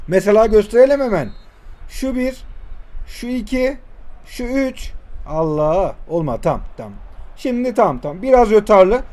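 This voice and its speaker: A young man in his twenties calls his own football video game match as he plays, his voice sitting high and jumping between muttered grumbles and sudden shouts. He talks fast and loose, cursing at the players and pleading with them to score. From Turkey. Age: 20s. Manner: excitable, swears and shouts at the game. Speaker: gaming YouTuber. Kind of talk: live gameplay commentary.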